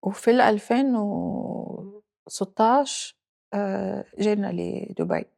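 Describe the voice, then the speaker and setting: A Libyan-accented woman in her forties tells her story in an interview. She is reflective and halting, slipping English phrases in as she goes. Her voice has a gravelly, creaky texture. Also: medium pitch, dark tone. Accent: Libyan Arabic. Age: 40s. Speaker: guest. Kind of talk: personal interview.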